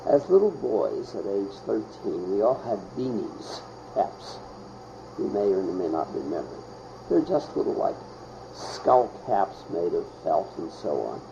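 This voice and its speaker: An older man from Pittsburgh reminiscing in an interview, halting and searching for words with many pauses. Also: lowish voice, very animated, vocal fry, background noise. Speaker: oral history interviewee. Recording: muffled, with loud crickets behind.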